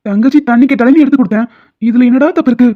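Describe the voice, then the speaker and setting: A woman voicing an easygoing, joking brother-in-law in an animated series. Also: on the high side, racing, natural voice. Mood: jokey. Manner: easygoing, jokey. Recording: phone-like lo-fi sound, faint music.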